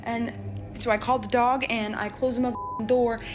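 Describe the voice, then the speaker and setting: A woman's voice: on the high side, flat delivery, moderate pace, a little hiss or hum. A frightened woman filming on her phone at home, stammering and repeating herself. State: frightened, shaky. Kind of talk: phone video diary. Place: home, indoors at night.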